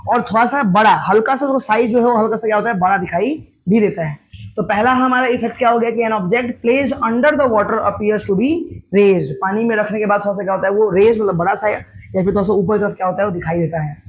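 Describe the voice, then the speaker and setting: A male teacher lecturing at a board, explaining step by step, asking questions and answering them himself, with terms. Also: sits high.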